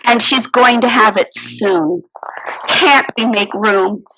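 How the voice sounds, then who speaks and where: Lady putting on a gentle innkeeper guy, lower voice, soft and pleading. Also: slow pace, background noise.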